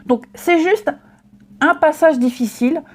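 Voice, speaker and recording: A woman's voice: high-pitched, measured pace, a little mellow. A woman giving a casual daily tarot reading, chatty and reassuring, with many fillers and restarts. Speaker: tarot reader.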